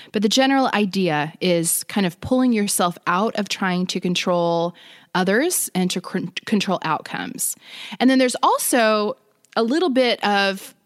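A woman podcast host talks in a casual, explanatory way. Her pitch sits in the middle for a woman. The microphone is close and the sound is dry, with very little room. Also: no room sound. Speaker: podcast host, former therapist.

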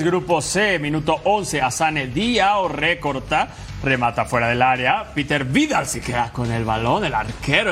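A man hosting a sports show, narrating football highlights with emphatic phrasing and chatty asides. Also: fairly bright tone, slight background noise. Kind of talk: football highlights narration over match clips. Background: background music.

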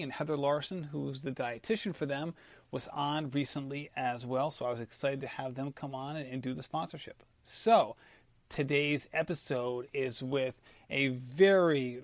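A man with a fairly high voice, recorded dry, hosts a running podcast. He chats casually with enthusiasm, rambling a little as he introduces and interviews his guest.

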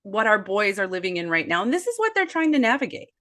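A woman in her forties, an author and guest, talking earnestly about raising boys, with animated storytelling and quoted asides. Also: medium pitch, fast talker. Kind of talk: conversational podcast discussion.

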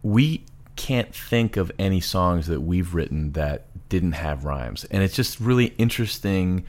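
A man with a very low voice steers a casual chat about songwriting. He asks questions and prompts the others. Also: expressive, measured pace, a little mellow. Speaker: podcast co-host.

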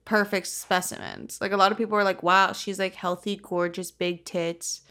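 Bright-voiced, candid woman in casual chat. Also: mid-range voice, flat delivery, moderate pace, smooth. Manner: rambling, playful, candid.

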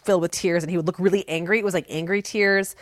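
Talking fast with fairly even intonation, this middle-aged woman has a lowish voice recorded in a clean studio with no echo. She co-hosts a casual podcast, projecting strongly as she tells candid stories that poke fun at herself.

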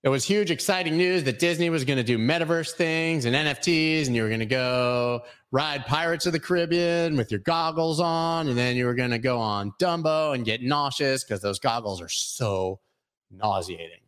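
A man's voice: medium pitch, animated, moderate pace, a bit bright, smooth. A man in his forties hosting a casual crypto show, rambling and joking as he reads chat comments aloud. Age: 40s. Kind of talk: casual live-stream chat.

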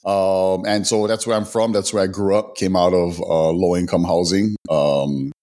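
Hawaiian male guest, low voice, hesitant, reflective storytelling. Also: fairly even intonation, a little mellow. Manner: halting, many fillers and restarts. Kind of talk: interview storytelling.

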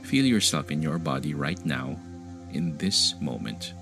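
With music playing in the background, this man guides a meditation in a deep, gravelly voice. His delivery is slow, soothing, and gentle, in the style of a sleep story from a meditation podcast host.

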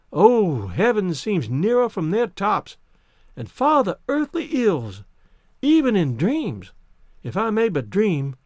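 A woman's voice: medium pitch, no echo, clean studio sound, pitched above the performer's own voice. A man voicing a dreamy elderly Southern poetess. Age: older. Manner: wistful, poetic, slow and lilting.

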